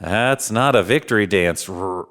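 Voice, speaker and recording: Here a man with a fairly low, slightly bright voice reads a picture book to little ones in an unhurried way. He plays the storytime host with chuckles, talking to his young listeners as friends.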